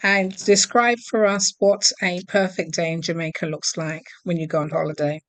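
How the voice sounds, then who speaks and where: A woman hosting an interview podcast, speaking in a measured, formal manner. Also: lowish voice, little pitch movement. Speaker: podcast host.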